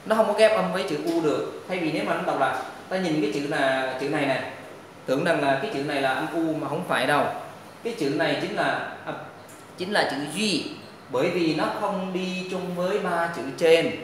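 Male teacher with a Vietnamese accent, patient and drawn out, drilling pronunciation in a boomy room. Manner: patient, drawn-out model readings of syllables. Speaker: Chinese language teacher. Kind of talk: pronunciation lesson. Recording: very echoey room, faint noise.

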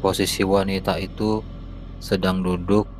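A man narrating a horror story in a slow, measured storytelling voice. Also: deep voice, level tone, a little hiss or hum, rough recording.

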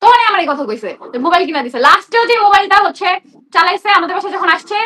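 A woman's voice: very high voice, animated, racing, pushed and bright. A young woman, hosting a live stream and ranting in a heated, sarcastic, confrontational way.

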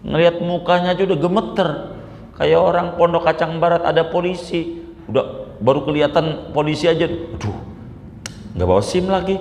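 A man's voice: on the high side, normal speed, a little mellow, reverberant, in a large hall, a little hiss or hum, pitched above the performer's own voice, natural voice. A man voicing a stern older male companion who scolds grave angels, in an emphatic, mock-frightened manner. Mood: scolding.

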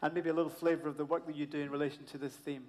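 A man's voice: on the high side, level tone, rapid-fire, low-quality recording. Chatty man moderating a conference panel. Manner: chatty, many fillers, jokey asides. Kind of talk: live event moderation. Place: large stage at a conference hall.

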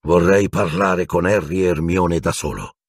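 A man voicing a calm, wise old male headmaster wizard in an audiobook, slow and measured. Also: deep voice, slightly rough, no room sound, clean studio sound. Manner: calm, quiet authority.

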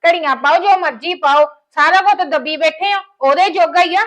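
An actress playing a resentful daughter-in-law who complains bitterly about family money and a wedding. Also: female voice, very high voice, a little fast, a bit bright. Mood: complaining. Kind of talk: village family drama acting.

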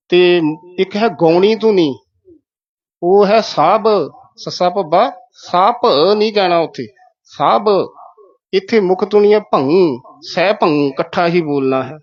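A man teaching the correct recitation of scripture, slowly repeating words syllable by syllable. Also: high voice, highs cut off. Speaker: Gurbani pronunciation teacher.

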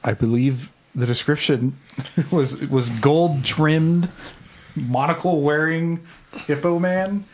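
A man's voice: on the high side, steady tone, slow pace, slight background noise, poor audio. A man talking casually as a player in a tabletop role-playing game.

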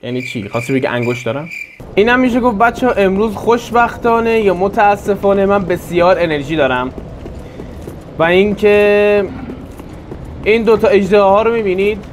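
A man playing a video game and commenting, excitable and taunting the enemies, with sudden loud swings into yelling. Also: high voice, slight background noise. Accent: Persian. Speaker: gaming YouTuber. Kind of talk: let's play commentary.

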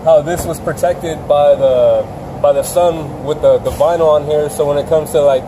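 A man's voice: on the high side, moderate pace. Laid-back man explaining his shop work. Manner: relaxed, plain explaining with restarts. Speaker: vinyl wrap installer. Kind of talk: casual interview answers. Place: large open-sided RV service shop. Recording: noisy shop background.

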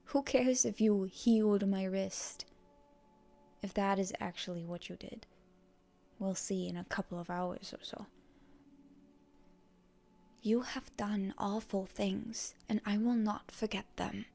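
In a whispered ASMR roleplay, a woman plays a proud, prickly, wounded hero girl who is suspicious and defiant toward her enemy, her voice hushed and breathy. She speaks slowly at a medium pitch with fairly even intonation and long pauses, sounding prickly and stubborn.

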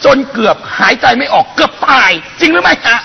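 A man's voice: very high voice, sing-song, brisk, gravelly, dull audio. A man hosting a TV talk show, playfully firing teasing questions at a guest. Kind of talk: teasing TV quiz-style questioning.

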